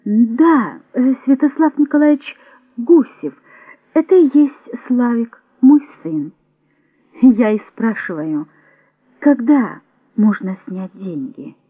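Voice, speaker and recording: Brief: stubborn, loud mother in a storybook voiced by a woman narrator, shrill peaks, tinny dry recording. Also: lively intonation, slow pace, husky, no room sound, heavily acted. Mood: puzzled. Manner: insistent, rising to shouted complaints. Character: indignant middle-aged mother, loud and stubborn. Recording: dry, tinny phone-like sound.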